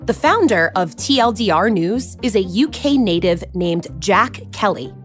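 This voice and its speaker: Lively woman host over music. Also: mid-range voice, unhurried. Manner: lively, conversational questions. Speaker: host and narrator. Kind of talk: interview and scripted narration.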